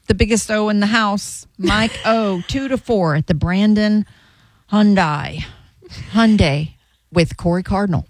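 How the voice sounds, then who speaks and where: A woman's voice: mid-range voice, a little slow, no room sound. A woman hosting radio in casual banter, joking and blunt. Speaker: radio show host.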